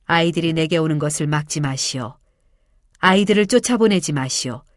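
Woman plays Jesus, lowered voice, calm and firm, storybook. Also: brisk, dry recording, studio quality. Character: gentle, firm male Jesus figure.

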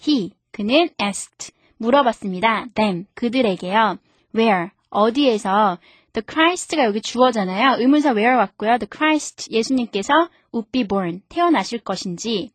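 A woman with a fairly high voice teaches English grammar on a radio program. She talks in a friendly, explaining way and slows down carefully when she reads sentences aloud. The sound is a close, dry studio recording. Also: no room sound. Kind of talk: scripted radio English lesson. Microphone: studio microphone.

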